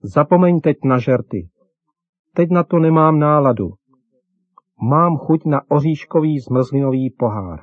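A man's voice: a little high, expressive, dry recording, lo-fi sound, voice pushed up. A man voicing an irritable schoolboy who snaps dismissively at his brother in a children's radio story. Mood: irritated. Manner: snappish, dismissive. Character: irritable schoolboy craving ice cream.

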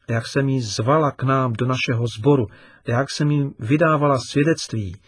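A man's voice: mid-range voice, no echo, recorded from a distance, close to an everyday voice. A man voicing an upset young girl. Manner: raised, emphatic and complaining.

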